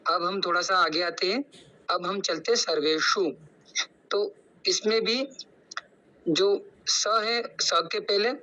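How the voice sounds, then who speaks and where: A man's voice: high voice, bright, forceful tone, low-quality recording. A young man on a video call in an online class, carefully teaching Sanskrit pronunciation and drawing out each syllable to repeat it. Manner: slow, drawn-out syllables repeated for practice. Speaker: student explaining Sanskrit pronunciation.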